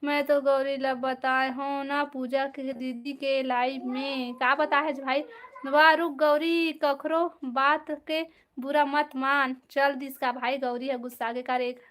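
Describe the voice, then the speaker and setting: A woman with a Chhattisgarhi accent hosting a casual live stream, reading out viewer comments and gently telling people off. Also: high-pitched, little pitch movement, slow pace. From Chhattisgarh, India. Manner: reads out and answers viewer comments, scolds gently.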